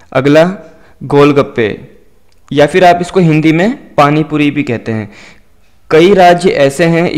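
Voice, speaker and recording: Guy teaching english vocab, spells stuff out slow, kinda high voice. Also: a little mellow. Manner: spells words letter by letter and repeats them slowly. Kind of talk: video lecture.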